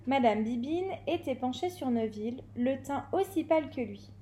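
A woman's voice: high voice, moderate pace, slight background noise. A woman reading a novel aloud expressively, now and then stumbling and correcting herself. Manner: expressive, with occasional slips and self-corrections. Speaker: reader.

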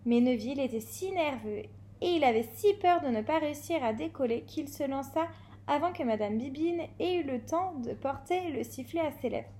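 A woman with a high voice reads a children's novel aloud, lively and expressive. Now and then she trips over a word or a name and goes back to correct herself. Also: normal speed. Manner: expressive, with occasional slips and self-corrections. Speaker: reader.

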